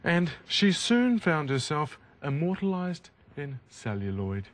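A man giving slow, deadpan commentary. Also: fairly high pitch.

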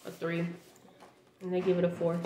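A young adult woman hosts a vlog from home, her lowish voice monotone at a normal speed. She does a casual, playful taste test to camera with informal banter. The room is echoey, with faint noise and handling clicks.

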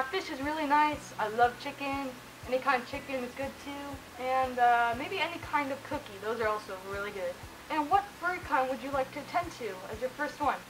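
A woman answers viewer questions while wearing a costume head, keeping the Q&A chat loose and rambling, with plenty of fillers and laughter. Her voice sits high, and there is background noise.

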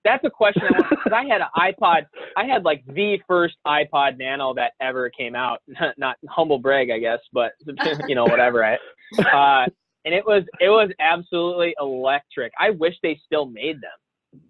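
A man's voice: fairly high pitch, expressive, moderate pace, no echo. Jokey male host on a tinny line. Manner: jokey, laughing, rambling. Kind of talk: casual chat. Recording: dry, tinny phone-like sound.

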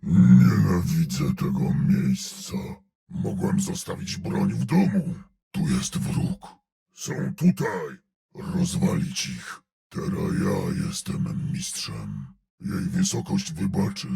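Huge grumpy game brute, super gravelly, drags every word out slow. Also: male voice, sits low, sing-song, mellow, exaggerated voice. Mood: gruff. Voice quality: gravelly, growling. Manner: terse barked battle callouts, dry sardonic remarks. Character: huge gruff male brute, grim and surly. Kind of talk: video game voice lines.

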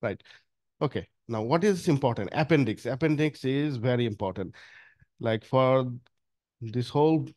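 A man's voice: medium pitch, normal speed, a little mellow, dry recording, clean studio sound. A man with a Bangladeshi English accent teaching an exam prep course over a screen share, talking casually and often saying "uh" and "actually". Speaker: course instructor.

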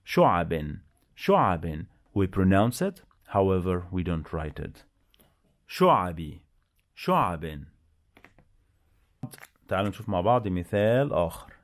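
Man, Egyptian accent, low voice, slow deliberate enunciation, reading teacher, sounds out syllables. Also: very animated. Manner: switches to quick explaining asides. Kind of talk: bilingual reading lesson.

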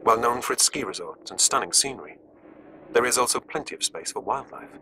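A man with a British accent narrating a scripted nature documentary with measured, deliberate phrasing. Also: medium pitch, animated, bright, forceful tone, a little hiss or hum, poor audio. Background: music.

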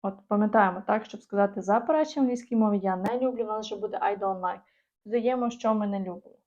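A woman from Ukraine, an English teacher giving an online lesson, explaining patiently and slowing down for example phrases. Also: medium pitch, a little mellow. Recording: dull, muffled lo-fi recording.

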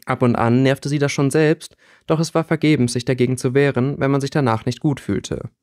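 Man, audiobook narration, mid pitch, even storytelling, dry recording. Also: a little fast, no room sound. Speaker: audiobook reader. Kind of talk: scripted narration.

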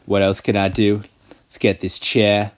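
A man's voice: fairly low pitch, little pitch movement, unhurried. A man doing casual gameplay commentary, sarcastic and crude, mocking the game. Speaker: gaming channel host. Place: voice-over of a mobile game.

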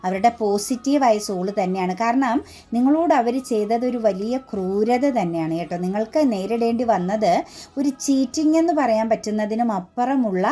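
A woman's voice: a little high, animated, normal speed, mellow. A woman giving an earnest tarot reading straight to the viewer, talking with frequent fillers and restarts. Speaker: tarot reader.

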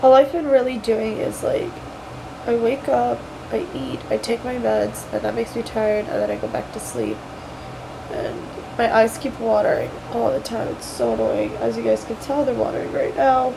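A young woman talking casually in a home vlog, tired and sore after nose surgery, rambling in a low-key way. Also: big pitch swings, moderate pace, gravelly, noisy background. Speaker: vlogger recovering from nose surgery. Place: at home indoors.

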